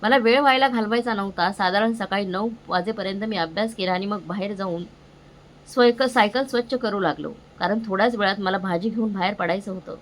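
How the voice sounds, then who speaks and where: A woman's voice: medium pitch, fairly quick, a little hiss or hum. A woman narrating an emotional first-person story in an earnest, feeling storytelling manner.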